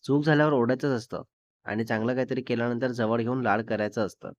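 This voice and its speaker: A man's voice: mid-range voice, fairly even intonation, quick pace, no room sound, close to an everyday voice. A man voicing a young boyfriend who scolds his girlfriend sternly but with care. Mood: lecturing. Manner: scolding, then coaxing. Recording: dull lo-fi dry recording.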